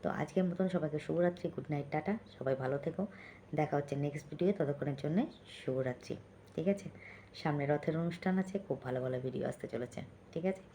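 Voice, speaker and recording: A woman talks softly and close to her phone, keeping her voice down at home late at night. Her voice is low and mellow, and she chats warmly with viewers, often asking if they follow. A faint hiss sits behind her. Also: fast. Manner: speaks softly and close to the phone so as not to wake others; chatty, keeps checking in with listeners. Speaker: vlogger. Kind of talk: late-night vlog outro, reading viewer comments. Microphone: phone held close.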